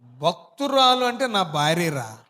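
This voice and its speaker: A stern older father scolds and insists with heavy emphasis, as a male preacher quotes him. The voice is high and bright and rings through a big hall. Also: very animated, a little slow, exaggerated voice. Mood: indignant. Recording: hall reverb.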